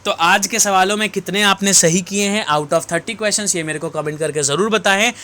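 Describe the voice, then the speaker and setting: A man's voice: high-pitched, moderate pace, pushed and bright. A male English teacher explaining exam-prep grammar to students, addressing them fondly and mixing Hindi with English.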